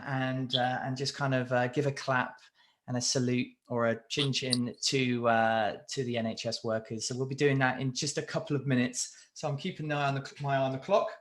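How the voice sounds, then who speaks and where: A man's voice: medium pitch, a bit bright. A man hosting an online Q&A, chatty and upbeat, reading out audience questions. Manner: chatty, upbeat, loose with fillers. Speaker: host. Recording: echoey room.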